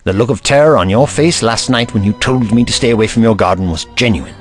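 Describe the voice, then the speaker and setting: A man's voice: on the low side, fast, soft background music, close to an everyday voice. A man playing a curious, kindly, slightly pompous Doctor with formal, theatrical courtesy in an audio drama. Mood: gentle, probing.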